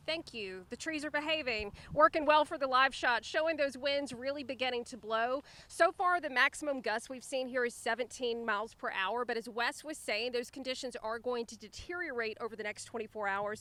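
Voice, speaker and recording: High-voiced woman reporting live weather. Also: sharp tone. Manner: conversational, chatty, informal asides. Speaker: TV meteorologist, field reporter. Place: outdoors, riverside park.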